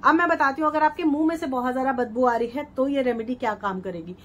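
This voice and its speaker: A woman's voice: high voice, fast talker, fairly bright tone, muffled recording, a little hiss or hum. A middle-aged woman vlogger giving a chatty, persuasive home-remedy skincare tutorial, often repeating her steps. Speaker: beauty vlogger.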